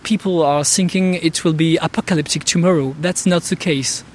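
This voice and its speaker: Male interviewee, native French speaker with French accent, somewhat high voice. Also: steady tone, moderate pace. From France. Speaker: interviewee, TV weatherman. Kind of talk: interview answers in second-language English.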